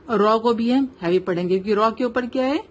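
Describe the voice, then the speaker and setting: A woman with a Pakistani Urdu accent teaching tajweed in an online lesson, slowly modelling recitation and checking with the student. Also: fairly high pitch. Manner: slow, careful modelling of recitation, checks with "right?".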